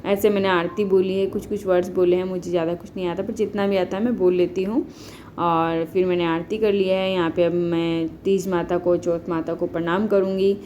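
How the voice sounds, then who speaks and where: A woman in her thirties narrating a home vlog, calmly explaining each step of a family ritual. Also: fairly low pitch, fairly quick, lo-fi sound, slight background noise. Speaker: vlogger. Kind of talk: casual voice-over narration of a family festival vlog.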